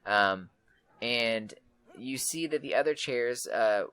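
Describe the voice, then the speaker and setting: A man running a tabletop game as game master, narrating in a relaxed way with many fillers. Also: mid-range voice, takes it slowly, clear, resonant tone.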